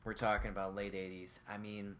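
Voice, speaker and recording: A man's voice: fairly low pitch, level tone, brisk, a bit bright, a little hiss or hum. A man in casual chat, adding dry, joking asides.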